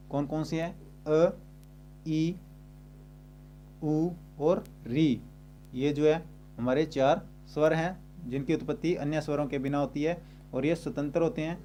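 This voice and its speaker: Mellow-voiced man teaching grammar, faint hum. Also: a little high. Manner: repeats and rephrases slowly. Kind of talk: explaining Hindi grammar.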